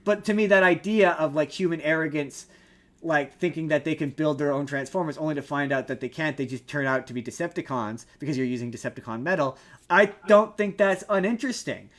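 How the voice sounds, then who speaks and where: On a podcast, a male host with a slightly high, somewhat bright voice discusses movies casually at a brisk pace. He's opinionated and emphatic, pushing his points in an argumentative but conversational manner.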